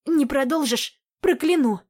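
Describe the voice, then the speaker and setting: A woman's voice: high voice, measured pace, a little mellow. A woman voicing a fiery young woman in love, her lines emotional and impulsive. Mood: heated.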